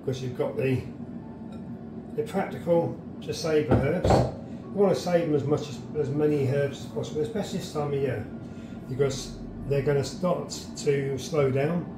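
A gardener speaks at normal speed in a medium-pitched voice, the audio reverberant with music underneath. Indoors in his home kitchen, he gives chatty, practical, straightforward instructions for drying garden herbs.

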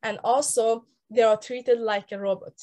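Young woman, 19, persian accent, fairly high voice, earnest and halting, lots of restarts, laptop call audio. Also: fairly even intonation, darkish tone. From Afghanistan, raised in Iran. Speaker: speaker on a mentorship call. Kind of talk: personal story talk on a group call. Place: indoor room. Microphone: laptop webcam on a video call.

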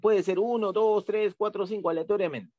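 Patient male teacher talking through software steps. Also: sits high, fairly even intonation, normal speed, no echo, studio quality. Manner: patient, repeats steps, frequent tag questions. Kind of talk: online class software tutorial.

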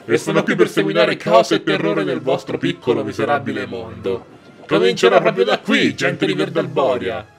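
A man voicing a grandiose, cruel evil duke from a video game in a theatrical, booming way. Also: sing-song, very slow, pauses often. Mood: menacing. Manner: theatrical, booming villain speech. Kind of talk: video game dialogue read aloud. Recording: game music playing behind. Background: video game music.

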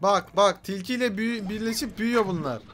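A young man giving frantic let's-play commentary, yelling and swearing at creatures. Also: sits high, a little fast. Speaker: gaming YouTuber. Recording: game music underneath.

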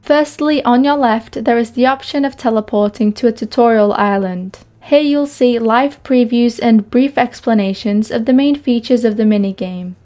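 Young lady doing game videos and how-tos, kinda high voice. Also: normal speed, few pauses, mellow. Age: young adult. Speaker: gaming video host. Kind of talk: gameplay chat and tutorial narration.

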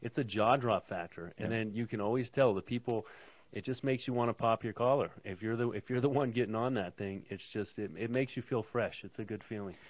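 A man's voice: on the low side, a little fast, hardly any pauses, no room sound. A man appearing as a guest on a talk show, talking eagerly with stammering restarts. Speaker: limousine company guest. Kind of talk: casual interview chat. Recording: dull lo-fi sound.

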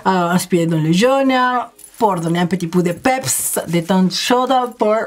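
Chatty energetic woman makeup vlogger. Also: lowish voice, a little slow. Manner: addresses viewers directly. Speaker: beauty vlogger. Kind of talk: casual chit-chat makeup tutorial.

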